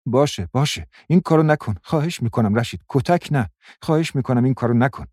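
A man voicing a desperate young woman begging a man to stop, in a raised, husky voice. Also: mid-range voice, animated, a little mellow, no room sound, clean studio sound, pitched above the performer's own voice, natural voice. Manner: pleading, breathless.

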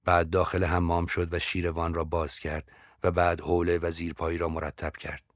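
A man narrating a story in a steady, measured audiobook reading. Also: sits low, dry recording, studio quality.

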